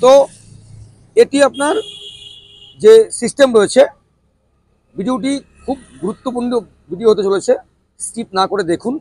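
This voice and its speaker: A man giving an emphatic, repetitive promotional sales pitch like an announcer, as a showroom promoter. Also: normal speed, pauses often, a little mellow, dry recording, low-quality recording. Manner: emphatic, repetitive announcer-like delivery with rhetorical questions. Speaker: showroom promoter presenting e-rickshaws.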